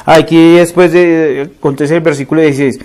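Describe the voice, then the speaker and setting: A Colombian man delivers a conversational sermon, moving between scripture reading and loose, slangy retellings of it. He keeps turning to the congregation with questions. His voice sits somewhat higher than most men's. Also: steady tone, a little fast, darkish tone. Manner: reads scripture aloud, then retells it in casual slang. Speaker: preacher.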